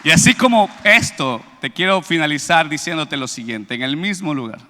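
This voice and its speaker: A high-pitched man preaches in a big, reverberant hall. His voice is bright and forceful, and he tells a testimony in a lively way, putting on the voices of the people in it. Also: normal speed, a little hiss or hum. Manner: animated storytelling, acts out quoted voices, builds to loud praise. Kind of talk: sermon with a personal testimony.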